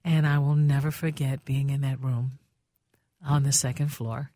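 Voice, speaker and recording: Speaking in a rumbling low, level tone at a moderate pace, an older woman who hosts talk radio tells a heartfelt story of how her on-air career began. She reminisces warmly and acts out the voices of others in her anecdotes. The studio microphone gives a dry, clean sound.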